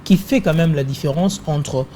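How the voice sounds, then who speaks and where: A woman host with a Congolese French accent and a lowish, mellow voice. She puts probing questions in a mix of French and Lingala, over a faint hiss of background noise. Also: normal speed. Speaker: arts show host. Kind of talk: interview questions.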